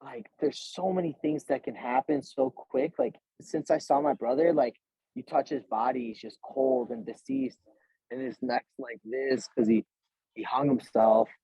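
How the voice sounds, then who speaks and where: A man's voice: mid-range voice, steady tone, unhurried, mellow, husky, dry recording. A man in his twenties, a pro fighter being interviewed, talking in a slangy, earnest way with lots of swearing and "bro", acting out both sides of past talks. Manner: slangy, swears freely, says "bro" a lot; retells scenes by voicing both sides of the talk. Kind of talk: casual interview talk. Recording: dull, lo-fi, dry sound.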